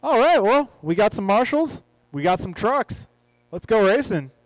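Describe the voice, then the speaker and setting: A man with a fairly high voice runs the announcing at a hobby race track. He calls lineups and race positions and jokes casually between heats. The sound is dry and close. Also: big pitch swings, moderate pace, no room sound, poor audio. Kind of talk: live race commentary. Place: outdoor RC track.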